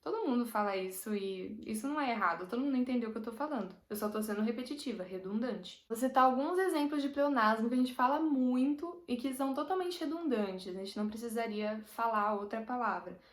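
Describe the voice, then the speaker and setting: Brazilian woman teacher, kinda high voice, chill patient explaining, echoey room sound. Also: fairly quick, few pauses. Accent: Brazilian Portuguese. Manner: patient, explains with everyday examples. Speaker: Portuguese language teacher. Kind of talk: casual explanatory lesson. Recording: roomy echo.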